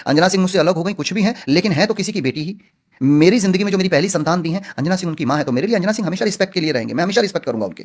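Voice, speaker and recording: Fast talking guy, actor being interviewed, kinda high voice, earnest and blunt. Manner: emphatic, earnest, outspoken. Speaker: film actor guest. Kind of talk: interview answers.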